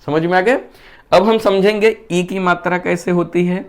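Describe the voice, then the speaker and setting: A male Hindi teacher giving a classroom-style lesson. He asks the class questions, answers them himself in a lower voice, and keeps checking that they understand. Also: fairly even intonation, normal speed. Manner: keeps checking whether students have understood.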